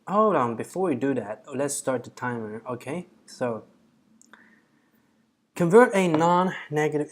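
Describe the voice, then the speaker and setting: A man's voice: mid-range voice, a bit bright. A man hosting a coding challenge, casually thinking aloud as he walks through a problem, counting out digits and correcting himself.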